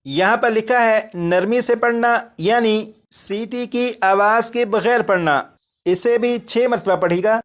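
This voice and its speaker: A man teaching a recorded recitation lesson. He explains each point twice and drags out each example letter three times, slowly and a bit louder. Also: high voice.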